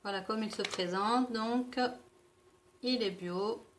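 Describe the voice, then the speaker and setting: A woman's voice: medium pitch, takes it slowly, a little hiss or hum. A French-speaking woman reviewing organic makeup in a casual vlog, often stumbling over product names and correcting herself. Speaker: beauty vlogger.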